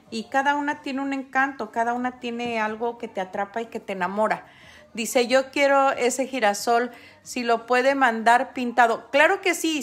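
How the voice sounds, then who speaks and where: A middle-aged woman, chatting casually with viewers on a livestream while she paints. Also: fairly high pitch. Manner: chatty, talks straight to viewers. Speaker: artist livestreaming her painting.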